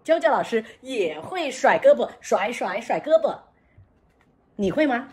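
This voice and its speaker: A middle-aged woman teaching young children through interactive storytelling, animated and exaggerated, repeating phrases and asking questions. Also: on the high side, measured pace, slightly rough. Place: indoors at home, small room.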